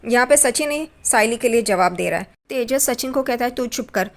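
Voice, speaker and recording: Woman casually recapping a serial, fairly high voice. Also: expressive, fairly quick. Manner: retells scenes, voicing quoted lines with small pitch lifts. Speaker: narrator recapping a TV serial episode. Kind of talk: casual spoken recap narration.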